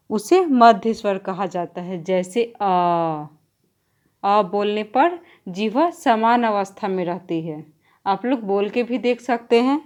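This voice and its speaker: A woman's voice: fairly high pitch, a little mellow. A woman teacher giving an exam-prep grammar lesson, explaining step by step and drawing out example sounds while writing on a board.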